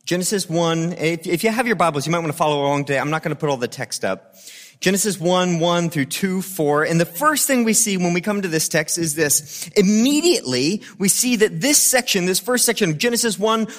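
A man's voice: high voice, a bit bright. A man preaching a sermon, teaching scripture with dramatic emphasis, repeated phrases and informal asides. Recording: long reverb of a large hall.

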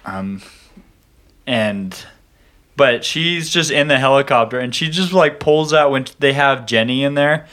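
A man's voice: mid-range voice, a little slow, a bit bright. A man co-hosting a casual movie review podcast, laughing often and making wry complaints about the plot. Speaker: podcast co-host.

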